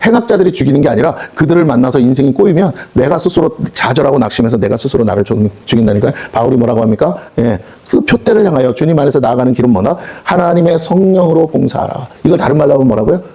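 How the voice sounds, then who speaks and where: A man's voice: mid-range voice, very fast, hardly any pauses, dark tone. A male pastor preaching a sermon, firing off rhetorical questions and slipping into quoted voices. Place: prayer house meeting hall.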